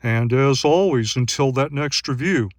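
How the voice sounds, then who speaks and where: Man in his sixties, outdoor gear vlogger, mid-pitched and methodical with lots of "uh" fillers, slightly winded, dry close sound. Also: no room sound. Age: 60s. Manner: steady, methodical, with frequent pauses and "uh" fillers. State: out of breath after running. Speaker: gear reviewer and search-and-rescue volunteer. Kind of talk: outdoor field vlog narration. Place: outdoors on night trails in grasslands.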